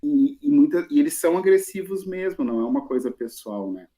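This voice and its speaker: A man with a Gaúcho accent, a guest speaker in an online talk with students. He is lively and chatty, often ending remarks with a question. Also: on the high side, a little fast. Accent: Gaúcho Portuguese. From southern Brazil. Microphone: video call.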